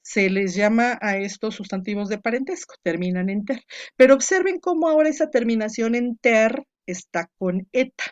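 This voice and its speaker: A woman's voice: on the high side, animated, normal speed, dull audio. A woman giving an online grammar lesson, explaining patiently and calling on students by name. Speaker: teacher. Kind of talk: online lecture on Greek grammar.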